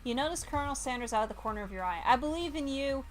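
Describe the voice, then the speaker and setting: This woman, a VTuber streamer, speaks fast in a high voice full of lively intonation. Commentating a game live, she mutters through the on-screen text and keeps erupting in exasperated exclamations.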